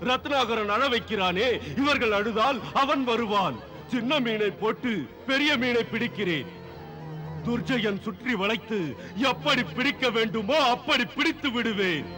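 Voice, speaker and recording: A man's voice: extremely high pitch, measured pace. An actor dubbing a cruel, scheming demon king villain who laughs menacingly in a mythological TV drama, with music behind.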